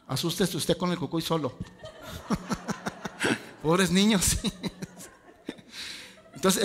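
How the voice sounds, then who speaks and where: High-voiced preaching man. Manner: lively preaching with rhetorical questions and asides. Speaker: pastor. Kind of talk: sermon. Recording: long hall reverb.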